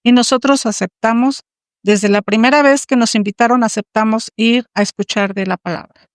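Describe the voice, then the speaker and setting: Mexican woman, 60s, smooth and fairly high voice, earnest testimony guest. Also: steady tone, moderate pace, no room sound, clean studio sound. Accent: Mexican Spanish. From Tampico, Mexico. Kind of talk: personal testimony.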